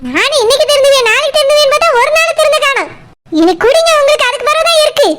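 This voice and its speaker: A woman voicing a sharp-tongued village wife in a cartoon, scolding her drunk husband fast and exasperated, with a Kanyakumari Tamil accent. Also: extremely high pitch, animated, noisy background.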